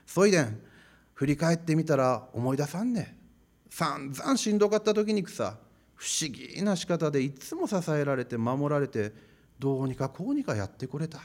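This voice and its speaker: Man playing an encouraging apostle, Fukuoka dialect, folksy and heartfelt, lively pitch swings. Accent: Fukuoka dialect (Hakata and Chikugo). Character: earnest ancient apostle, man, encouraging a church. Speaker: pastor.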